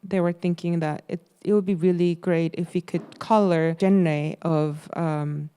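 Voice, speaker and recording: Hesitant woman presenting, low mellow voice. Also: steady tone, a little slow, smooth. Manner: hesitant, many fillers and restarts. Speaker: course presenter. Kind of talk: casual presentation.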